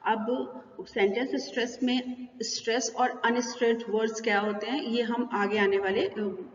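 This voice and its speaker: A woman's voice: on the high side, steady tone, moderate pace. Indian woman teaching, roomy distant sound. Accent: Indian English. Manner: explains in Hindi mixed with English terms, asks and answers her own questions. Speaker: English teacher. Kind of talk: bilingual classroom-style lesson. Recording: roomy, distant, dull, slight hiss.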